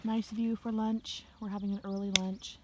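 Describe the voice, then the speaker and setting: A woman's voice: mid-range voice, flat delivery, normal speed, heavy background noise. A woman vlogging outdoors on a mountain trail, talking to the camera in a tired, stressed way, often sighing and half-whispering. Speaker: vlogger on a long-distance hike. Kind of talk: casual vlog talk to camera.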